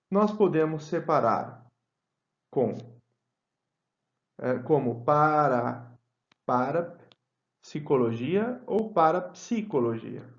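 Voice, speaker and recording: A man teaching a grammar lesson, reading example words out slowly and deliberately. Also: a little high. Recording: roomy, dull lo-fi sound.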